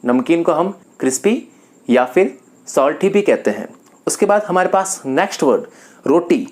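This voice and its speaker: A man from Rajasthan teaching a vocabulary lesson, calmly going through a word list and repeating each term. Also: a little high, moderate pace. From Rajasthan, India. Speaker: English teacher.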